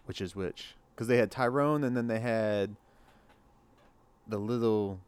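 A man's voice: fairly low pitch, a little slow, clean tone. A man with a stoner voice, chatting casually in a laid-back, rambling way. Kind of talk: casual chat.

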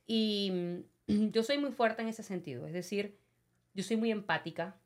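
Venezuelan woman, middle-aged, lively storyteller guest who acts out quoted voices; chatty interview tone. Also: medium pitch, normal speed. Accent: Venezuelan Spanish. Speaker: immigration paperwork consultant, guest. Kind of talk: casual interview conversation.

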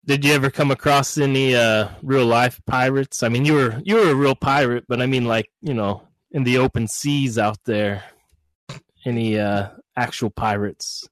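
A man co-hosting a podcast, asking questions in a halting, casual way. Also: mid-range voice, no echo. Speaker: podcast co-host.

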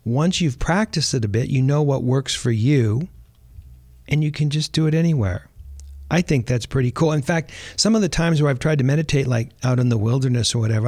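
A man's voice: mid-range voice, no echo. Chatty man, dry studio sound. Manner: relaxed, chatty, repeats words while thinking. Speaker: podcast host. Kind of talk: casual podcast talk.

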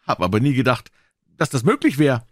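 A man voicing Tom, a boastful young boy who talks in a high, excited voice. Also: fairly quick, dry recording, clean studio sound.

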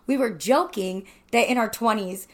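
A woman's voice: a little high, normal speed. A woman hosting a casual, chatty conversational interview, recorded indoors in a wooden cabin. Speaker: podcast host, interviewer.

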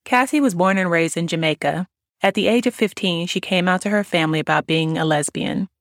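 A woman hosting a podcast, smoothly reading a guest introduction and then asking relaxed interview questions. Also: lowish voice, brisk, dry recording, clean studio sound. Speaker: podcast host.

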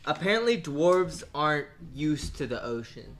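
A man's voice: on the high side, very animated, measured pace, a bit bright, slight background noise. A man running a tabletop game as game master, speaking for the locals with hesitant ums and frequent laughs. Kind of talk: voicing a city official in a tabletop game.

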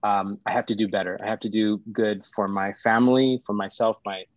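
A middle-aged man from Sri Lanka speaks as a guest on a podcast, his low voice staying flat and even as he stops, restarts and fills gaps with "um." The sound is dull and dry, with little room echo. He talks through his story in a casual, unhurried way. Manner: halting, many restarts and fillers. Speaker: startup founder guest. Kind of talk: casual interview talk.

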